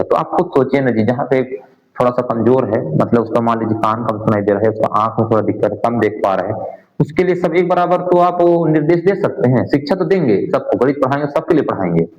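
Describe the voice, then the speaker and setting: A man's voice: medium pitch, darkish tone. A male coaching teacher working through exam answers in Hindi, mixing in English terms and asking his class questions that he answers himself. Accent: Hindi, sprinkled with English exam terms. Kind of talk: answer-key lesson walkthrough. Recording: dull, roomy lo-fi sound.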